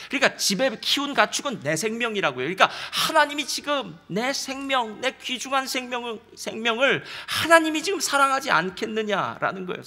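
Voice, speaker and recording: A male pastor delivers a sermon, often turning to his congregation and acting out spoken dialogue. His voice sits high and bright, and it moves up and down a great deal. He shifts between hushed storytelling and loud, emphatic exhortation. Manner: addresses the congregation often, acts out God's words in dialogue.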